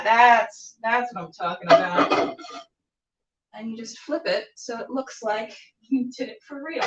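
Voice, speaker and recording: Her voice is fairly bright and leans high as she hosts a cooking show on a live stream, chatting playfully to the camera while she cooks indoors. She rambles casually and talks to herself as she works. It's recorded through a camera that sounds dull, distant and roomy.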